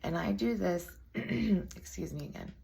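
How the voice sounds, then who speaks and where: Raspy gravelly woman chatting thru a makeup tutorial, jokey about herself, some noise in the background. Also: lowish voice, animated, unhurried, warm tone, low-quality recording. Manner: chatty, self-deprecating asides.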